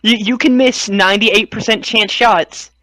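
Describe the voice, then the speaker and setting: High-voiced man in casual chat. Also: fairly even intonation, normal speed, pushed and bright, no room sound, rough recording. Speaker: podcast co-host. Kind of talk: casual chat about games.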